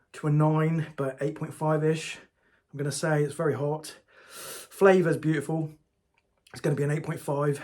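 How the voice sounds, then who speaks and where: Husky-voiced man chatting through a sauce review. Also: fairly high pitch, darkish tone. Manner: chatty, talks straight to viewers as "guys". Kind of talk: casual food review vlog.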